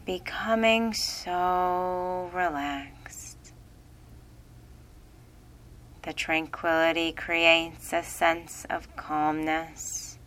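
Brief: woman, guided relaxation voice, deep-toned, hushed and calm. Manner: slow, soothing, hushed. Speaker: meditation guide.

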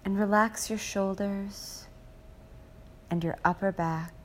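A woman reading a guided hypnosis relaxation script in a slow, soothing, repetitive way, now and then dropping into soft whispers. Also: mid-range voice, fairly even intonation, slight background noise.

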